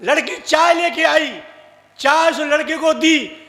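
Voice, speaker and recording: High-voiced man telling jokes on stage. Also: slow, sharp tone. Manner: acts out drunk and stammering characters. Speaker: comic poet. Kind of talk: stage comic storytelling. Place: stage in a large hall with audience. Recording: echoey hall from far off.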